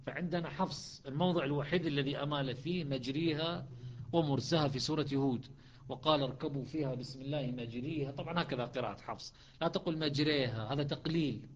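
A man patiently teaching the variant readings of Quran recitation, explaining methodically with frequent pauses and restarts. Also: a little high. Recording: dull lo-fi recording.

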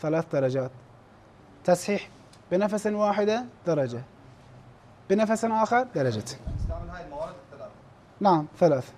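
In a classroom lesson on recitation, a man with a very high voice plainly explains how mistakes are scored, slowing down to demonstrate recited verses. His intonation is lively and his tone darkish. He frequently restarts words and clears his throat.

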